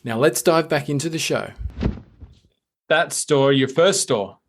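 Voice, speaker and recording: A man's voice: on the high side, expressive, measured pace, a little hiss or hum. A man hosting a podcast, reading promos and interviewing a guest in an upbeat, conversational way. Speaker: podcast host. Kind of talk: casual interview and scripted promo read.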